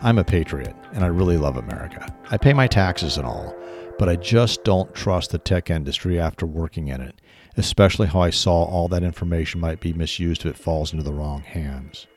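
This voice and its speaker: A man's voice: sits low, a little fast, darkish tone, lightly acted. A man voicing a paranoid middle-aged former tech worker who talks urgently and insistently, with music behind. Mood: earnest.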